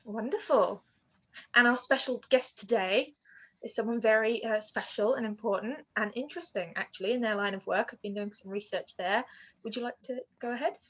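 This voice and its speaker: A woman's voice: on the high side, moderate pace, a bit bright, breathy edge. A woman hosting a podcast in an upbeat, polite way, with some "um" fillers as she phrases questions. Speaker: podcast host.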